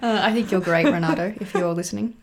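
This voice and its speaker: A woman's voice: lowish voice, quick pace, a little hiss or hum. Wry woman podcast co-host. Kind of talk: podcast chat.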